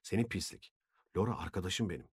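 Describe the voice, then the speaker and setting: A coarse, mocking drunken woman, read by a man in a low, husky voice from a novel audiobook. The sound is dry and close to the mic. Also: lively intonation, brisk, no room sound, exaggerated voice. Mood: scornful.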